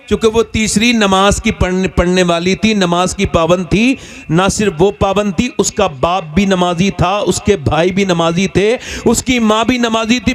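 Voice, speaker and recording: High-pitched animated male preacher. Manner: animated storyteller, pitch swinging widely. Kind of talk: religious storytelling talk.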